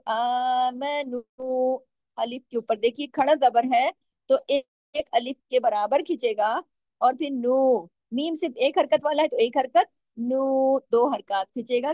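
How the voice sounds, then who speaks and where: Female tajweed teacher, high voice, close and dry sound, patient question-and-answer delivery, slow drawn-out recitation of examples. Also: a little mellow, dry recording. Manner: patient, asks questions and answers them herself; stretches out recited words slowly. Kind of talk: step-by-step tajweed lesson.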